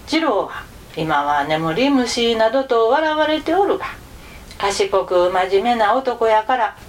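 Brief: woman as a grave messenger from heaven, commanding, archaic, slow and lively in pitch. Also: slight background noise. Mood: solemn. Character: young man posing as a solemn heavenly messenger.

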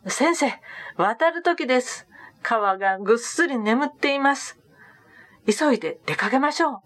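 A woman voicing an anxious young male disciple in a storybook reading, talking eagerly and a little hurried. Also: medium pitch, big pitch swings, dry recording.

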